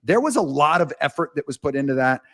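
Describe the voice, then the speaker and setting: A man's voice: on the high side, lively intonation, quick pace, bright, forceful tone. A man as a podcast guest, speaking candidly and at length in a rambling storytelling manner with frank asides. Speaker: guest, author. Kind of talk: casual podcast conversation.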